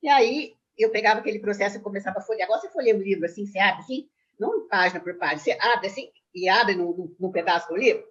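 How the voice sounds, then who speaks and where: A woman in her sixties talks fast and with lots of emphasis as she tells her own stories. Her voice comes through a dull, lo-fi video-call connection. She sounds casual and lively. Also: medium pitch, breathy edge. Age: 60s. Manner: animated storyteller, quick and emphatic. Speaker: numerologist guest.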